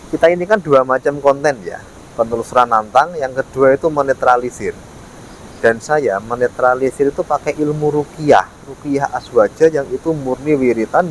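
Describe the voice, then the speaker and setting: In poor audio with faint vehicle and ambient noise behind him, a mid-range-voiced man vlogs about ghost hunting. He speaks casually to the camera, explaining and restating points and dropping in tag words often.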